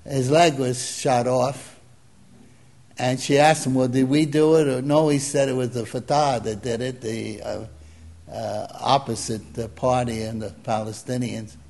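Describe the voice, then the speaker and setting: An older man with a Brooklyn accent preaching an informal sermon to a congregation in a conversational, unhurried way with pauses. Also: mid-range voice, steady tone, gravelly, a little mellow.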